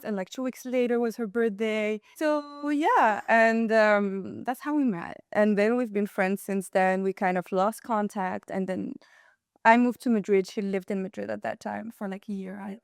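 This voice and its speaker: A woman's voice: medium pitch, steady tone, normal speed, creaky, clear, resonant tone, no echo, studio quality. A woman in her twenties from Morocco, chatting casually as a guest, laughing often and filling with "like". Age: 20s. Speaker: guest, event co-founder. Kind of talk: casual chat.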